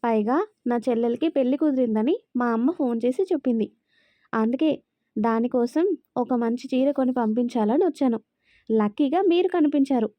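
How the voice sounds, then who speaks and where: Brief: female reader as joking young male assistant, light and high, dry dull recording. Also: moderate pace, no echo, natural voice. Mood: cheeky. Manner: pleading, cheeky banter.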